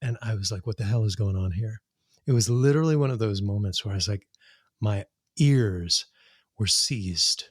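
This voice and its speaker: Slow, laughing middle-aged man storyteller. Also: lowish voice, slightly rough, no room sound, clean studio sound. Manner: animated storyteller, laughs often, mimics sounds. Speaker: guest singer-songwriter. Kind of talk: podcast interview storytelling.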